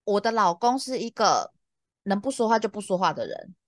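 一位三十多岁、带台湾口音的女播客主持人，闲聊时讲故事，语气激动、无奈，常常笑。. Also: female voice, brisk, dry recording, clean studio sound. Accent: Taiwanese Mandarin. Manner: exasperated, lively, laughs often, big pitch jumps. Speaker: podcast co-host. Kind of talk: casual chat, animated storytelling.

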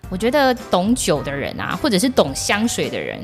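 A woman's voice: medium pitch, huge pitch swings, a little fast, faint music behind. A woman hosting a podcast in a casual, chatty way, laughing easily and murmuring along as she listens. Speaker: podcast host. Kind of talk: casual chat.

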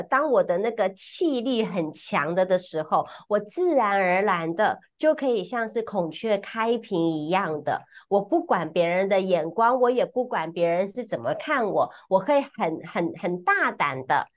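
A woman co-hosting a podcast, explaining ideas in an expressive, conversational way and often repeating words as she goes. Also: medium pitch. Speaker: podcast co-host and teacher.

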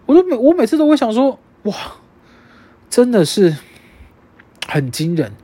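A young adult podcast host with a Taiwanese Mandarin accent, telling a story in casual chat, animated and swearing freely. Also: medium pitch, moderate pace, breathy edge.

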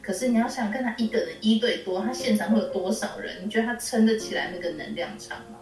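A woman's voice: mid-range voice, fast. A woman host and spiritual teacher, chatting bluntly and jokingly while telling stories. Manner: blunt, joking, animated storytelling. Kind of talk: casual chat. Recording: roomy echo, distant mic, music under.

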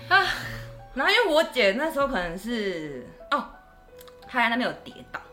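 A woman's voice: a little high, moderate pace, soft background music. A woman, a guest telling ghost stories in casual chat and acting out the voices she quotes. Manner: animated, acts out quoted voices. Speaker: guest storyteller.

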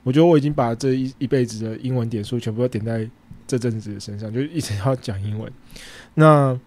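A man with a Taiwanese Mandarin accent, hosting a podcast and casually retelling a story, acting out bits of dialogue with sudden jumps in pitch. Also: fast talker, a little mellow. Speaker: podcast host and food truck owner.

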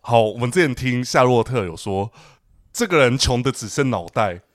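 A man with a Taiwanese Mandarin accent, chatting casually as a podcast co-host. His pitch jumps around as he teases and complains, climbing high when he jokes. The sound is dry and close, with no room around it. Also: expressive, normal speed, dry recording. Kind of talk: casual chat.

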